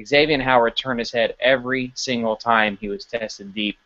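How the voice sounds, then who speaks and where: A man's voice: mid-range voice, moderate pace. Man talking sports on a dull-sounding podcast. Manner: animated, stumbling restarts while analyzing. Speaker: podcast co-host. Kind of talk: casual sports podcast chat.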